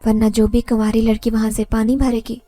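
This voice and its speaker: A woman's voice: fairly high pitch, level tone, warm tone, no room sound. Woman horror storyteller, earnest, over faint background music. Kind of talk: first-person horror story narration.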